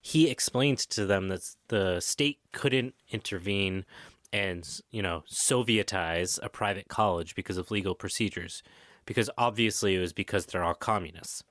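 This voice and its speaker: Low-voiced man telling history casually. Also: moderate pace, fairly bright tone, no echo, studio quality. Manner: jokey, swearing, tangents. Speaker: podcast host.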